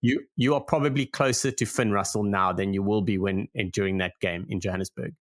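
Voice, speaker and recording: A South African man with a fairly low voice chats casually on a rugby podcast. He teases his co-hosts with a laugh, drifting into long, thoughtful takes. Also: fairly even intonation, a little fast. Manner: playful, teasing, laughs often. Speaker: podcast co-host. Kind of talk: casual chat.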